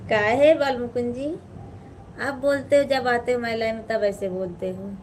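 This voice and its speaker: Woman doing a chill phone livestream, awadhi-ish hindi accent, slow easy chat, bit high voice, faint hum behind. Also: fairly even intonation, darkish tone, poor audio. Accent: Awadhi-tinged Hindi. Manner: slow, chatty, greets viewers by name. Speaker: livestream host. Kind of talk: casual live-stream chat with viewers.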